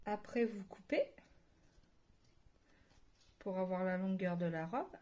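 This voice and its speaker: A woman's voice: medium pitch, animated, slow, a little mellow, lo-fi sound. A woman with a Spanish accent who hosts a casual doll unboxing and craft tutorial, chatty and enthusiastic and dropping in English words. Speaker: doll customizing vlogger.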